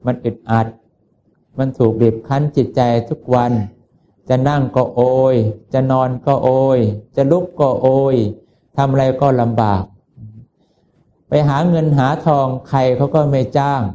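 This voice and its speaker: A man with a mellow, warm voice preaches a Buddhist sermon. He talks to his listeners in a folksy, conversational way and often asks them rhetorical questions. His pitch sits in an ordinary middle range for a man. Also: steady tone, unhurried.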